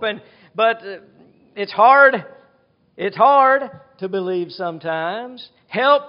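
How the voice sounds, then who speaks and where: In a church with a screen behind him, a man delivers an earnest, reflective expository sermon, retelling scenes from scripture. His voice is high-pitched, and the recording sounds lo-fi.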